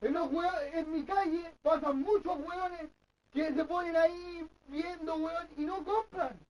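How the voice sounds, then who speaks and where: Whiny high-voiced Chilean man, far off. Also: steady tone, measured pace, darkish tone. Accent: Chilean Spanish. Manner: defensive, whiny, argues back. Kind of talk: heated comic argument.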